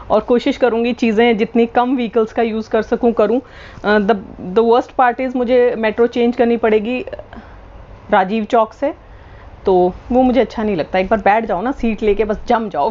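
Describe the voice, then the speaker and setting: A woman's voice: mid-range voice, lo-fi sound. A woman vlogging at home in casual chat, playful and teasing, switching between Hindi and English. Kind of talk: casual vlog chat to camera. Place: at home indoors.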